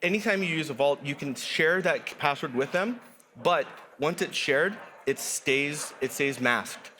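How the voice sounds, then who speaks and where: A man guest explaining a software product in an upbeat, explanatory way, with some restarts. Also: a little high, animated, unhurried, slight background noise. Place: conference studio set.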